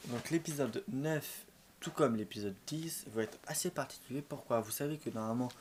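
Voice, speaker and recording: A man's voice: mid-range voice, normal speed. A man giving casual let's-play commentary as a gaming video host, rambling and often repeating or correcting himself. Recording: clearly noisy home recording.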